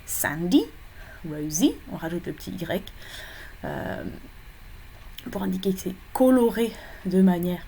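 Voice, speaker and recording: A woman's voice: lowish voice, expressive, measured pace, creaky, long pauses, dark tone, a little hiss or hum. A woman teaching English phonology in a recorded lecture for exam preparation, explaining step by step with frequent fillers and self-corrections.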